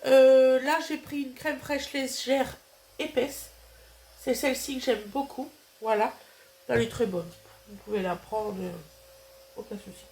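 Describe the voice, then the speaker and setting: A woman's voice: high-pitched, fairly even intonation, unhurried, a little mellow, slight background noise. A middle-aged woman with a cold, talking through her nose as she casually shows off her grocery haul, chatty and hesitant with lots of fillers. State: nasal, has a cold. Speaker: vlogger showing a grocery haul.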